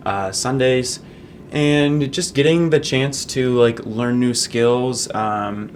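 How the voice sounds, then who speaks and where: A young man from Canada, a student managing editor answering interview questions in a relaxed, rambling way with many ums. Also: mid-range voice, slight background noise. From Fredericton, Canada. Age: young adult.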